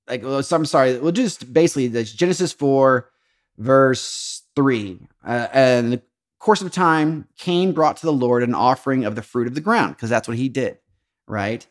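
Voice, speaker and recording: A man, hosting a casual devotional podcast, talking through a Bible story in relaxed slang, laughing often and acting out the lines he quotes. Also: medium pitch, unhurried. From Texas. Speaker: podcast host.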